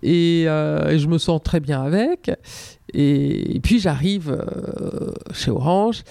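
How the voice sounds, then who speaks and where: A woman's voice: deep voice, slow, gravelly, mellow, no echo. A woman speaking as a podcast guest, thoughtful and hesitant, often restarting her sentences. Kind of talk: podcast interview.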